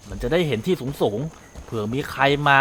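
A young man commentating a video game, talking to his viewers, often shouting and swearing. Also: medium pitch, lively intonation, normal speed, breathy edge. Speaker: gaming streamer. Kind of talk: excited Let's Play commentary. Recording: game sounds and noise behind.

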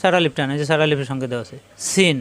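A man's voice: fairly high pitch, racing, fairly bright tone, clear, resonant tone, no echo. A man teaching Quran letter pronunciation, spelling each letter out and repeating it for his students. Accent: Bangladeshi Bengali. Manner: addresses students directly.

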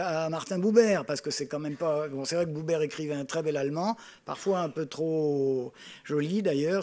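A man's voice: a little high, vocal fry, a little mellow. An older man moderating from a stage table, giving an informal, digressive introduction with many restarts. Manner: digressive, hesitant, often restarting sentences. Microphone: gooseneck table microphone.

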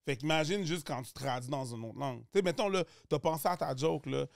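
A man's voice: a little high, a little fast, gravelly, dry recording, clean studio sound. A man with a Quebec French accent, a comedian guest talking casually and animatedly, slipping into other voices and accents as he explains. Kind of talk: casual podcast chat.

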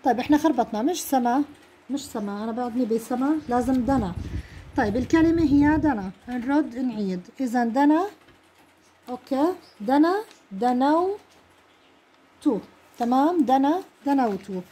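A woman's voice: high voice, brisk, mellow, husky. A woman with a Levantine Arabic accent teaching a grammar lesson. She explains step by step and keeps checking that students follow.

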